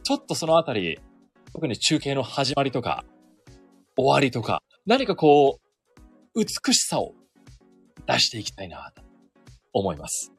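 A man's voice: medium pitch, wildly swooping pitch, a little slow, pauses often, fairly bright tone, husky, no room sound, soft background music. A sports announcer in his thirties hosting a solo podcast, chatting casually and self-deprecatingly about his work. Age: 30s. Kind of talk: casual solo radio-style chat.

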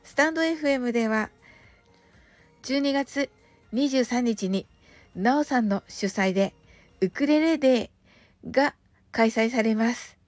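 A woman hosts a laid-back radio talk in a polite, gentle manner. Her voice sits a little high and sounds close and dry. Faint music plays under her, and she draws out English phrases slowly and carefully. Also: no room sound. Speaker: radio show host. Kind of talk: relaxed scripted radio talk with English lessons.

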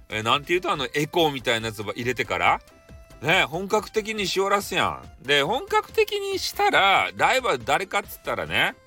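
A man with a Hakata dialect accent chatting casually on his own stream, teasing and jumping in pitch. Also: sharp tone. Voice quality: teasing, jumpy pitch, drawn-out dialect vowels. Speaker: audio streamer. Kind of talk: casual chat monologue.

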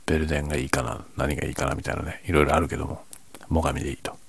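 Very deep, hushed late-night man. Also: little pitch movement, racing, vocal fry, slight background noise. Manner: speaks quietly, half whispering, so as not to wake sleeping family. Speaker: host of a late-night audio chat. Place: at home at night. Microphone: microphone without windscreen, slightly backed away.

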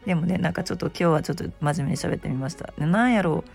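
A middle-aged woman from Osaka, Japan, hosts a casual solo talk as an aromatherapy shop presenter, chatty and self-deprecating. Her voice is low, very gravelly and hoarse as if just woken, racing yet a little mellow, with faint music behind her.

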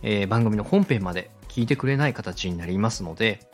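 A man with a lowish, expressive voice speaks fairly quickly over faint music. He's a radio director hosting an instructional podcast on podcast production, politely walking his co-host through things step by step.

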